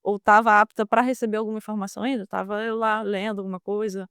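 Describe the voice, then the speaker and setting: Interviewed as a guest, this former student turned merchant navy officer is a young woman with a Brazilian Portuguese accent and a smooth, clear, mid-range voice that comes across a bit bright. She talks fast and flatly yet earnestly, filling her answers with fillers and restarts. The audio is close and dry without any echo.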